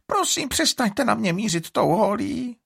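A sly young schemer of a girl, pitched high and bright above the reader's own voice, as a male narrator puts her on. Her speech swoops widely and has a husky, creaky grain. The close, dry recording suits an audiobook. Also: very animated, no room sound, exaggerated voice. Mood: explaining. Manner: pleading then scornful.

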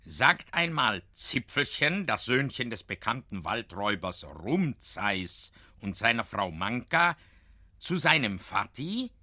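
A man reading a children's story aloud in an expressive storytelling manner. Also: lowish voice, slow, hardly any pauses, no echo, studio quality.

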